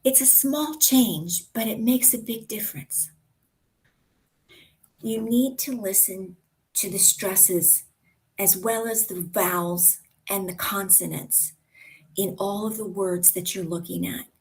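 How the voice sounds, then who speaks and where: An American woman coaching pronunciation, speaking deliberately and drawing out example words with careful articulation. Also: medium pitch, a little mellow, low-quality recording. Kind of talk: instructional talk to camera.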